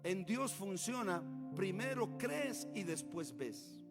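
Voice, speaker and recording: A man's voice: high voice, big pitch swings, slow, over loud music. A Honduran man preaching as a pastor in a church, with an impassioned, chanting, sing-song cadence. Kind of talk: revival sermon.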